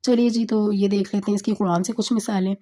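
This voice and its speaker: A woman tutor teaching tajweed in a patient, explaining manner. Her voice is mellow and dark. She checks in with her listeners often and slows right down when she recites verses. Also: mid-range voice, fairly even intonation. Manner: patient, repeats "theek hai" often.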